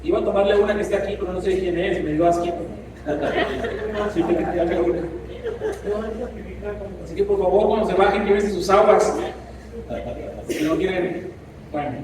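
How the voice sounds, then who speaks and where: A man's voice: sits high, fairly even intonation, moderate pace, pauses often, background noise. A man preaching a sermon as pastor, impassioned and mixing in asides. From Mexico. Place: church. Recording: echoey church hall from a distance.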